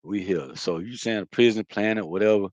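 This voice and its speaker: A man's voice: lowish voice, a little fast, darkish tone, no room sound, dull audio. A man giving a loose, profane spiritual monologue, talking casually with lots of fillers. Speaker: spiritual vlogger.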